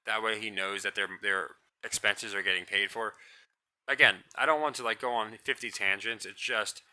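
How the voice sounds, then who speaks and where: In a rough recording, a man with a fairly low voice delivers a solo commentary at normal speed. As the channel's host he rants bluntly and with scorn, wandering and restarting sentences, and describes his own voice as monotonous.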